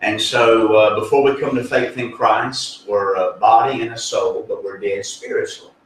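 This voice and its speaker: Male pastor, earnest and folksy, mid-pitched, heard from across a reverberant room. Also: steady tone, moderate pace. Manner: earnest, folksy, with many fillers and restarts. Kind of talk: conversational spiritual teaching. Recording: echoey room, distant mic, faint ambience.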